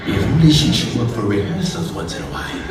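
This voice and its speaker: A man's voice: medium pitch, expressive, a little fast, natural voice. A man playing a fussy, exasperated crab court composer in a theatrical stage show. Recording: echoey theater, distant, noisy.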